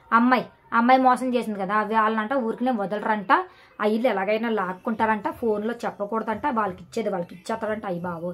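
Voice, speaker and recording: A woman vlogger ranting in casual reaction commentary, scolding and sarcastic, often tossing in "okay?". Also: medium pitch. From Telugu-speaking India.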